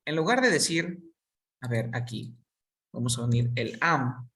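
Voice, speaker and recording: A teacher leads a basic English lesson, speaking very slowly and repeating each word for students to copy. The voice sits a little back from the microphone. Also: mid-range voice, sing-song, a bit bright, far from the mic.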